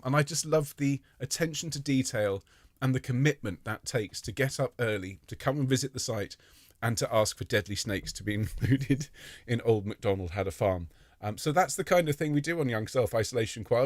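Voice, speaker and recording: A man's voice: medium pitch, no echo, studio quality. Chatty man leading an online choir. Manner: friendly, jokey, greets people by name. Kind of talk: chatty welcome to a live online rehearsal.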